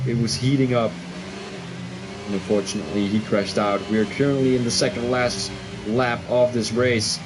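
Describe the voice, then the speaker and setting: A Belgian man with a Belgian accent commentates a sim race live in Dutch, excitable and quick to second-guess his own calls. His voice is medium-pitched, and the background is noisy.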